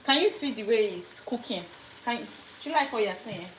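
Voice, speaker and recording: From her echoey home kitchen, a woman from Nigeria runs a relaxed live cooking stream, greeting viewers by name as she talks. Her fairly high voice has lively intonation and a normal pace, with slight background noise.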